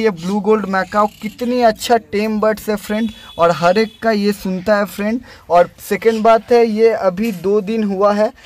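Over a little hiss or hum, a young man with a voice that sits high chats through a casual vlog voice-over. He breeds birds, and he repeatedly calls the listener "friend." The narration was dubbed after filming, with no mic used on site.

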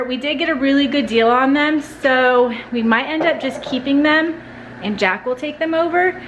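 A woman's voice: a little high, a bit bright, a little hiss or hum. Chatty woman vlogging on the go. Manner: chatty, rambling with fillers. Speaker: family vlogger. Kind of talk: casual family vlog chat.

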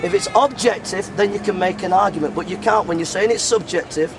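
A middle-aged male street preacher argues his point outdoors, firm and insistent, repeating himself as he cuts in. His voice is slightly high for a man. Clear street and traffic noise sits under him. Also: fairly quick. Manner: assertive, keeps cutting in, repeats phrases. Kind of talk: street debate. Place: outdoor city square.

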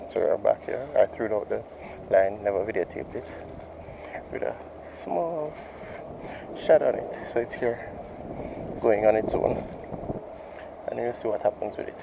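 A Jamaican fishing vlogger gives a relaxed, often muttered running commentary to viewers while fishing from a rocky shore beside a bridge. His voice is fairly low and creaky, captured by a head-mounted action camera as lo-fi audio with outdoor noise.

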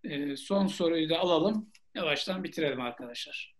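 Male academic, forties, noticeably high voice, explaining in an online seminar on a video-call mic. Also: a little fast. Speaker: seminar lecturer, Gulf studies expert. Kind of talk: online seminar question-and-answer. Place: small plain room indoors. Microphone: video call, earphone headset.

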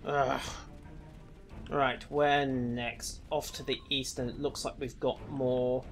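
A man's voice: medium pitch, flat delivery, slow, creaky, faint music behind. A man casually commenting on his gameplay with dry, wry asides. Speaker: let's play host.

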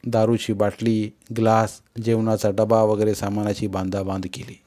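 A man narrating a novel in the first person, in an expressive, grave storytelling manner as an audiobook reader. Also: fairly low pitch, moderate pace.

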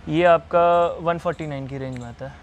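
Polite seller quoting prices, slightly high. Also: male voice, steady tone, a little fast, a little hiss or hum. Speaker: pottery shop seller. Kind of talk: answering customer questions.

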